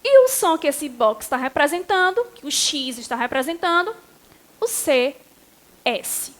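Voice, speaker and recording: A Brazilian woman teaching a primary school writing and spelling class, sounding out syllables slowly and encouraging the pupils. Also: sits high, sing-song. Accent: Brazilian Portuguese. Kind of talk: recorded online class.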